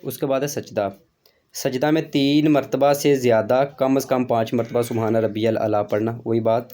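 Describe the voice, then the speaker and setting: A man gives a religious lesson in a mellow, warm voice. He talks informally and repeats himself, leaning on fillers as he explains. His pitch sits in an ordinary middle range. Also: fairly even intonation, normal speed. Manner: informal, repetitive, with many fillers. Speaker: religious teacher.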